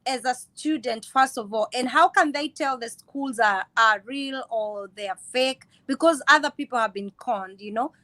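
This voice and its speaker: A woman hosts a casual live stream. Her voice sits high, and she keeps dropping in short affirmations while her guest talks. The sound is close and dry, with almost no room. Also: moderate pace, few pauses, no room sound. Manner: warm greetings, frequent brief affirmations. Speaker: host.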